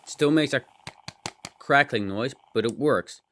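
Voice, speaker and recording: A bit bright and mid-range, this man's voice moves at a measured pace against slight background noise. As host of a hobby electronics teardown, filmed indoors in a cluttered room at home, he offers loose hands-on commentary through a slightly dry, strained throat, musing aloud with muttered asides and mild exclamations.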